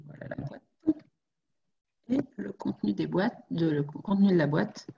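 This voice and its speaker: A woman's voice: fairly low pitch, normal speed, vocal fry, dark tone, breathy edge, lo-fi sound. A woman co-hosting a webinar over a video call, talking casually while showing a website and checking in with the audience.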